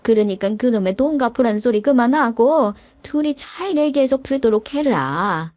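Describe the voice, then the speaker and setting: Woman voicing an elderly mother-in-law, lamenting, slow drawn-out pleading, dry close recording. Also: a little high, animated, a little mellow, no room sound, close to an everyday voice. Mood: grudging. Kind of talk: dramatized story reading.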